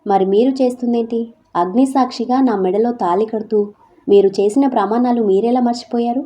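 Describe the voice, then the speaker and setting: A woman voicing a young wife who is hurt but stands firm, speaking softly and with resolve. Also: on the high side, moderate pace, natural voice. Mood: defiant. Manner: soft, tearful, turning resolute. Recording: slightly dull lo-fi audio.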